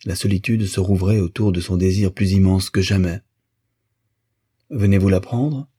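A man reading a literary novel aloud as an audiobook narrator, in a measured, even way. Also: low voice, slightly rough.

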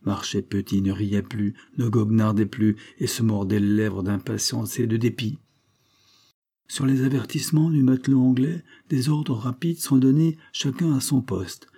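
A man narrating a classic sea adventure as a measured audiobook reading. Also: mid-range voice, mellow, slightly rough.

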